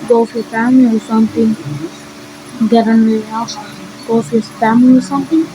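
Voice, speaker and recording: A woman's voice: a little high, flat delivery, a little fast, background noise. A woman giving casual reaction commentary in an exclaiming, repetitive, slangy way. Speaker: reaction video creator.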